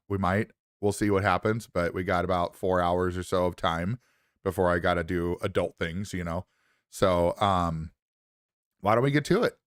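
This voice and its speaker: A man with a low, groggy morning voice rambles cheerfully into a lapel mic during a casual livestream. The recording is dry and studio quality.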